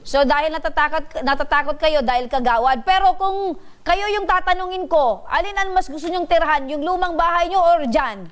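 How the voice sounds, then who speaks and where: High-voiced woman radio host, probing. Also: normal speed. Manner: probing, often clarifying and summarizing answers. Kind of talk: radio interview.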